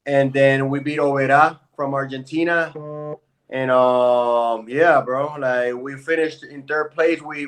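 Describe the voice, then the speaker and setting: Man in his thirties, from Puerto Rico, interview guest, laid-back, even and level delivery. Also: mid-range voice. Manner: laid-back, relaxed storytelling with fillers. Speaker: guest, pro basketball player. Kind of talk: casual interview chat.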